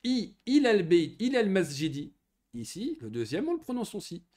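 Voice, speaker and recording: Lively man teaching Arabic grammar. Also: high voice, moderate pace. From Morocco. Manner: patient, lively explanations with frequent checking questions. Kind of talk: online Arabic grammar lesson for children.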